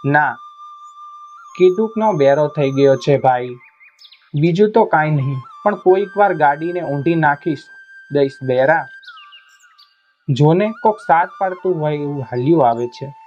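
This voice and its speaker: A man's voice: on the high side, animated, a little slow, pauses often, darkish tone, muffled recording, soft background music. A man voicing a half-deaf male cart driver who grumbles and complains. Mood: grumbling.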